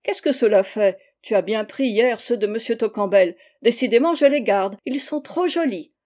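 A woman's voice: a little high, expressive, normal speed, warm tone, lightly acted. A woman reading aloud as an outspoken older aunt who lectures firmly and emphatically. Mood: firm lecturing.

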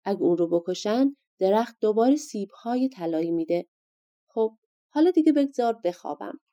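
A woman's voice: medium pitch, expressive, highs cut off, natural voice. A woman voicing an irritable male giant ogre in a storybook reading. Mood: grumbling. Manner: shouting, irritable.

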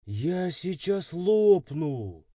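A man voicing a young blonde city girl who takes everything literally, in a high girlish voice for an audiobook. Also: sing-song, drawn-out words, warm tone, no room sound, studio quality, exaggerated voice. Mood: delighted. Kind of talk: audiobook reading.

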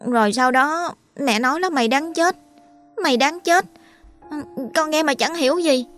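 A woman's voice: high voice, moderate pace, fairly bright tone, soft background music, pitched above the performer's own voice. A woman voicing a frightened young boy who stammers and repeats his words. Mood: scared.

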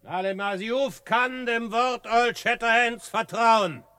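A man's voice: very high voice, slow, sharp tone, smooth, no echo, full character voice. An actor playing a bold, self-assured frontiersman in a radio drama, speaking in a commanding, formal, declamatory way. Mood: proud, threatening. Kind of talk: German radio drama acting.

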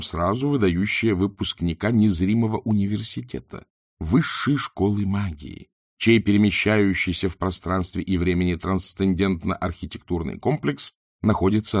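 A man narrating an audiobook with expressive storytelling. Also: low-pitched, no room sound, clean studio sound. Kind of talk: scripted narration.

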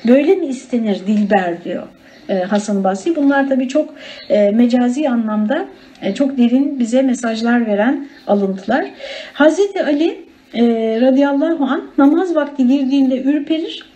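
A woman's voice: sits high, moderate pace, dark tone, rough recording. A woman teaching a religious study circle in a conversational way, often turning to her listeners as friends. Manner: conversational, addresses listeners as friends, many fillers.

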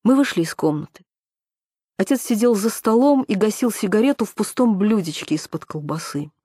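A woman narrating a first-person story for an audiobook in an ironic, expressive manner. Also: mid-range voice, normal speed, breathy edge, dry recording, clean studio sound.

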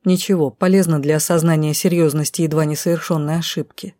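Woman audiobook narrator, expressive first-person reading, mellow voice, dry close sound. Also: low voice, quick pace, no echo.

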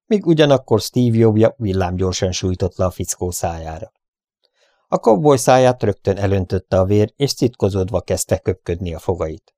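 A man narrating an adventure audiobook in an even storytelling manner. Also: on the low side, dry recording, clean studio sound. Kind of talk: scripted narration.

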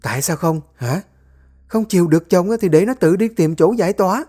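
A storyteller voicing a cruel, domineering older mother-in-law who scolds and shouts. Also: mid-range voice, lively intonation, quick pace, soft background music, pitched above the performer's own voice, close to an everyday voice. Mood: scolding.

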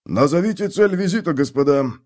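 A man reads a gruff guard sergeant in an audiobook, growling and curt. His mocking tone swings lively in pitch as he gives orders. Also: a little fast, natural voice. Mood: stern. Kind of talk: audiobook character voice.

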